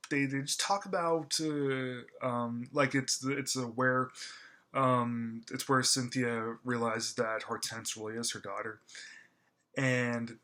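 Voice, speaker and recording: A man with a mid-range, bright voice and a forceful tone gives a casual spoken movie review. He gushes with enthusiasm while stammering and halting, full of fillers and restarts.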